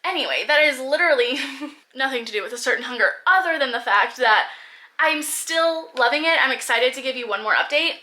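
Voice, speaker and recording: A woman's voice: high voice, lively intonation, a little fast, pushed and bright. A young woman in her twenties chatting casually to camera about books at home, rambling with lots of fillers. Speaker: book vlogger.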